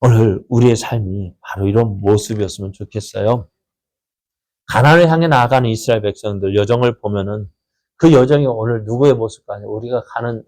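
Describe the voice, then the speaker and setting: A Korean-speaking man preaching to his congregation. He asks questions, answers them himself, repeats phrases for emphasis, and reads scripture slowly. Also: warm tone. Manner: repeats phrases for emphasis, rising and falling pitch. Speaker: pastor. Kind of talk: sermon.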